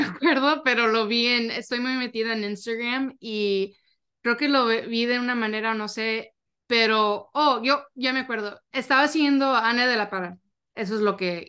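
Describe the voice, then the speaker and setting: A woman's voice: on the high side, fairly even intonation, moderate pace, pushed and bright, clean tone. A woman podcast guest chatting casually in non-fluent, with an occasional English word slipped in. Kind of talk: casual chat.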